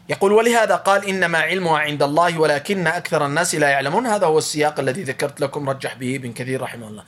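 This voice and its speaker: A male religious teacher giving a lecture, reading a classical text aloud and explaining it with quick rephrasings and frequent restarts. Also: on the high side, fairly bright tone.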